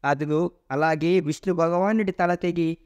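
A man's voice: a little high, fairly even intonation, unhurried, darkish tone, clean tone, natural voice. A man doing an old, wise creator god. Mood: consoling. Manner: consoling, authoritative.

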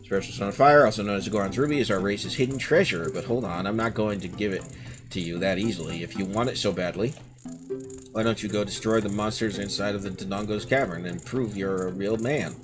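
A man's voice: lowish voice, fairly quick, close to an everyday voice. Darunia, a burly rock-creature chief, read out by a man. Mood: gruff bargaining. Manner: reading in-game text aloud in plain voice. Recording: game music playing behind.

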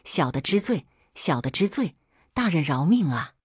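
A woman's voice: low-pitched, very animated, normal speed, slightly rough, dry recording, studio quality, heavily acted. A woman doing a cowardly young scoundrel. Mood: pleading. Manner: pleading, frightened.

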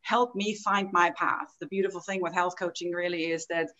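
An Austrian woman in her forties, founder of a health coaching business, is a guest on a podcast interview over a laptop video call from a home room desk. Her low, pushed, bright voice is earnest, with fairly even intonation and a moderate pace, as she tells her story openly; the recording sounds muffled.

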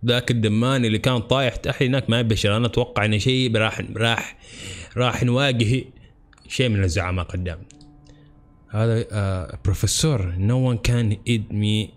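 Excitable man playing games. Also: lowish voice, fast. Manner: excitable, talks to viewers as "brothers", yells and repeats himself under pressure. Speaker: gaming channel host. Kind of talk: let's-play commentary. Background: game music.

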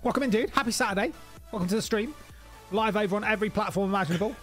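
Man, high voice, jokey streamer, swears a lot, quiet music underneath. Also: very fast. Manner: jokey, greets chatters by name, swears. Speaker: livestreamer. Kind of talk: casual gaming stream chat.

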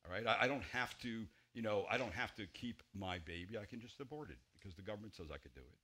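Pastor, male, 40s, preaching from a church pulpit, bright forceful voice, big emphatic swings. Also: lively intonation, fast, breathy edge. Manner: emphatic, gesturing widely, swings between loud stresses and quiet low drops. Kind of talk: expository sermon.

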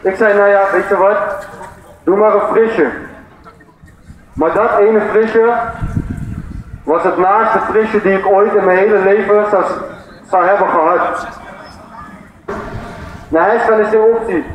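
A man's voice: high-pitched, fairly even intonation, slow, pauses often. A man giving a personal testimony as a speaker at an outdoor demonstration, in a plain, direct, conversational way. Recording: echoey, muffled PA sound.

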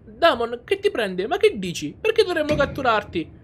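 Man playing an agitated, high-pitched young game hero. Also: big pitch swings, normal speed, fairly bright tone, a little hiss or hum, heavily acted. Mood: alarmed, astonished. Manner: exclamatory, agitated. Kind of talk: dubbing game dialogue aloud.

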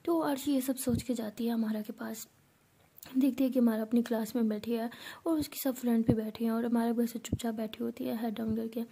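A woman narrating a story in a rapid, breathy whisper. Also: a little high, fairly even intonation, mellow.

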